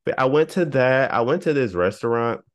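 A man's voice: medium pitch, animated, fairly quick. A man chatting casually as a podcast co-host, playful and self-mocking, repeating himself for emphasis. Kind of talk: casual chat.

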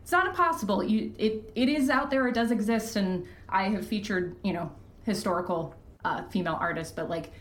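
A woman appears as an interview guest, a podcast creator speaking candidly in a brisk, mid-range voice. She explains things earnestly and emphatically. The sound is roomy and echoey.

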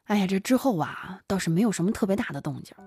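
A woman telling a story in animated chat, dramatic and full of sighing interjections. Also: mid-range voice, fast talker, faint music behind.

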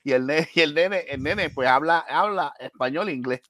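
A man's voice: a little high, normal speed, no echo, clean studio sound. A man in casual chat, telling stories animatedly and acting out quoted voices. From Puerto Rico. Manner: animated storytelling with acted-out quotes.

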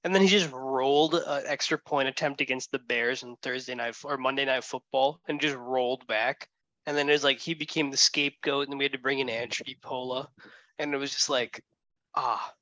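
A young man co-hosting a casual sports podcast, joking and quick with his asides. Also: medium pitch, steady tone, sharp tone, no room sound, highs cut off. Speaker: podcast co-host.

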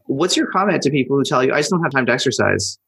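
A man's voice: medium pitch, lively intonation, rapid-fire, creaky, fairly bright tone, breathy edge. A man hosting a podcast interview, asking questions in a conversational way.

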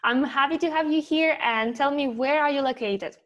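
A woman's voice: high-pitched, normal speed, fairly bright tone, highs cut off. A woman hosting an interview series, welcoming and questioning her guest with a friendly manner and a few hesitant fillers. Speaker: interview host.

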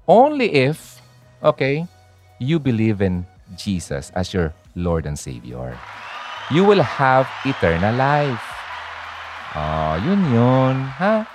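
A man's voice: medium pitch, huge pitch swings, slow pace, long pauses, faint music behind. A man hosting a radio talk, chatting casually about grief and faith, full of fillers and little "ha?" tags. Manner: chatty, code-switching, many fillers and "ha?" tags. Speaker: radio host.

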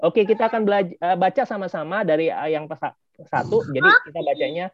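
A man's voice: high-pitched, fast talker. A man teaching a children's church lesson over a video call, acting out angry kids' lines and quizzing the class. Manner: lively, acts out angry kids' quotes, asks questions. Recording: dull lo-fi video call audio.

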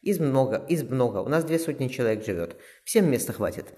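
A man reading an audiobook, voicing a warm-hearted village woman with homely, rustic speech. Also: medium pitch, animated, fairly quick, close to an everyday voice. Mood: welcoming.

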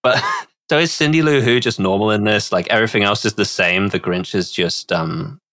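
A man's voice: on the low side, normal speed, a bit bright. A man co-hosting a podcast, chatting playfully and laughing. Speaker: podcast co-host. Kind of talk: casual comedic chat.

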